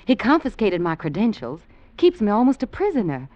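A brisk, scheming young woman from Virginia. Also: medium pitch, wildly swooping pitch, no echo. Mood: urgent, earnest. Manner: brisk, earnest, persuasive. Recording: dull lo-fi old film soundtrack.

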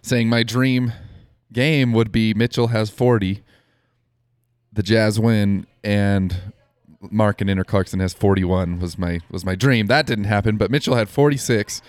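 American male podcast co-host, low pitched, voice wearing thin and a touch hoarse, chatting sports in an echoey room. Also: fairly even intonation, unhurried. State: voice giving out, slightly hoarse. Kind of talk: casual sports podcast chat.

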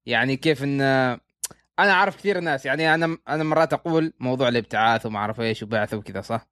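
A man's voice: medium pitch, racing, a bit bright, dry recording, clean studio sound. A man with a Gulf Arabic accent chatting casually as an interviewer. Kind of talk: casual chat.

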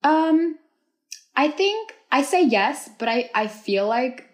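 A woman's voice: high voice, expressive, slow pace. A young woman from Uzbekistan chatting casually as a podcast guest, filling her talk with likes and ums. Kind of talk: casual chat.

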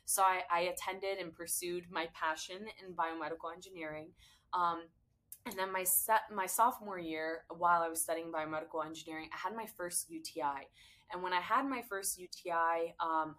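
A woman's voice: lowish voice, fairly even intonation, normal speed, a bit bright. A young American woman, a podcast guest, telling her story in an earnest, conversational way. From United States. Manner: earnest, conversational, some fillers. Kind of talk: casual interview storytelling.

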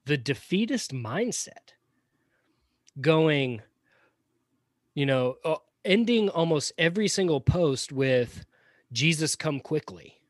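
A man's voice: on the high side, lively intonation, takes it slowly, pauses often, dry recording, clean studio sound. A man with a Southern accent, co-hosting a podcast and talking casually and opinionatedly, with frequent restarts and asides. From Florida-born, raised in Georgia. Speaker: podcast co-host. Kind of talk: casual conversational commentary.

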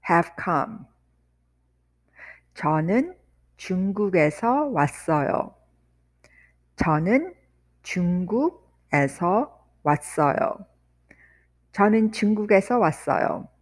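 Woman, language teacher, very slow pace, animated pitch, repeats phrases slowly then fast. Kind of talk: slow, drilled language lesson.

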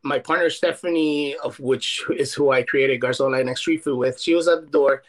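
Laid-back chef from Ecuador. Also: male voice, medium pitch, fairly even intonation, normal speed. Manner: laid-back, enthusiastic, many fillers. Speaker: chef guest. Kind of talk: casual interview chat.

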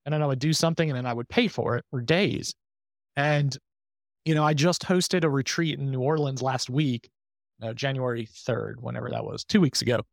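A man talking openly and reflectively as a guest on a podcast. His voice sits at an ordinary pitch and sounds a little strained after surgery. It is recorded close and dry, with no room sound. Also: fairly quick, vocal fry, dry recording. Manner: open, reflective, speaks with many restarts and fillers. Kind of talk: candid conversational interview.

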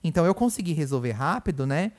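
Um homem com sotaque brasileiro, co-apresentador de podcast, conversando de forma casual num quarto de hospital e contando tudo com emoção. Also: male voice, on the high side, very animated, fast, a little mellow. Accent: Brazilian Portuguese. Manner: chatty, emotional storytelling full of "né" and "gente". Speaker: podcast co-host. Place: hospital room.

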